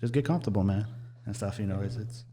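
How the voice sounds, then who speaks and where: Man, low mellow voice, halting casual podcast host, nervous restarts. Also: slight background noise. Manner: halting, many restarts and fillers like "and stuff". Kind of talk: casual nervous interview chat. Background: faint crowd chatter.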